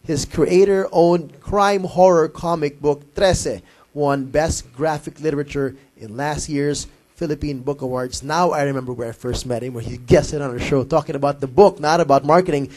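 An emcee introduces the next speaker in a formal announcing manner. His voice sits a little high for a man. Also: moderate pace, a little mellow.

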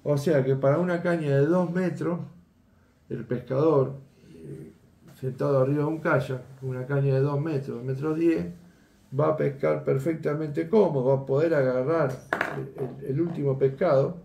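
An older man with a slightly high, creaky voice and a dark tone teaches how to set up a fishing rig at a table in an indoor workroom. He speaks at normal speed in a steady tone, keeping the hands-on tutorial chatty and often asking viewers "¿eh?" and "¿ves?". The room sounds echoey.

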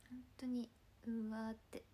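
A woman in her twenties from Ibaraki, Japan, hosting a casual livestream chat in a chatty, playful way, often dropping into soft murmured asides. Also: on the high side, flat delivery, slow, husky. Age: 20s. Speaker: idol livestream host.

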